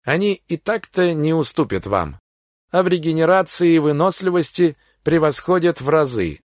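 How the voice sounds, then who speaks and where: A man voicing a fierce young werewolf woman warrior, speaking calmly and bluntly with a menacing edge. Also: on the high side, normal speed, dry recording, clean studio sound, lightly acted. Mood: cool, blunt. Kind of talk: audiobook character reading.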